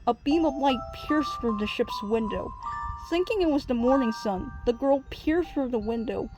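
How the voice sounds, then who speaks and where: Brief: woman reading a storybook, gentle narration, slightly high voice, music playing under. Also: rough recording. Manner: gentle, even read-aloud narration. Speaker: storybook reader. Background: soft music.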